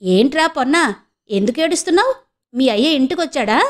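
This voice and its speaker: A woman's voice: sits high, expressive, a little fast, pitched above the performer's own voice. A woman voicing a shrewd, bold village woman who scolds and schemes in rustic speech. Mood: scolding.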